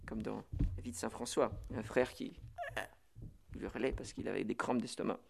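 A man, a priest, giving spiritual instruction on the prayer office. He talks in a lively, chatty way and reads Latin phrases slowly before explaining them. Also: lowish voice, gravelly. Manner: lively, chatty teaching peppered with "voilà" and "vous voyez".

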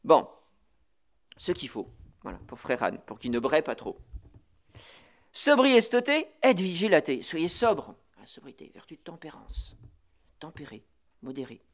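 A man, a priest, giving spiritual instruction on the prayer office. He talks in a lively, chatty way and reads Latin phrases slowly before explaining them. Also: medium pitch, gravelly, breathy edge. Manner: lively, chatty teaching peppered with "voilà" and "vous voyez".

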